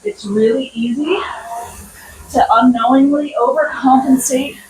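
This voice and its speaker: High-voiced American woman coaching on rowing machine. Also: fairly even intonation, unhurried. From United States. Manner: instructing while exercising on a rowing machine; encouraging, with short punchy commands. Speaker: rowing workout instructor. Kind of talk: coaching a workout with counted cues. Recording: echoey room, distant mic, noisy background.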